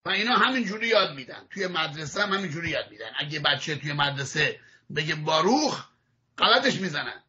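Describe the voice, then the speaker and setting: Guy teaching a lesson, highish voice, keeps repeating the sounds, clears his throat a lot, muffled old recording. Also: lively intonation, a crowd in the background. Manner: explains patiently, repeating and demonstrating sounds. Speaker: rabbi teaching Hebrew pronunciation. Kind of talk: religious lesson. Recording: muffled lo-fi audio archive.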